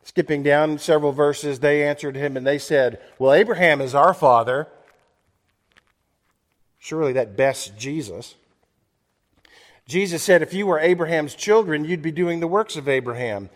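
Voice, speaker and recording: A man delivering a sermon as pastor, earnest and measured, slowing down to stress key words and reading scripture aloud. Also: on the high side. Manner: earnest, measured preaching with slowed emphasis and quoted scripture. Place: church. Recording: long church reverb.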